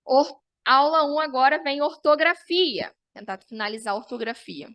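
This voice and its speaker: A woman's voice: sits high, lively intonation, moderate pace, a bit bright, no room sound. A woman teacher, giving an online review lesson and explaining step by step, often checking in with her students.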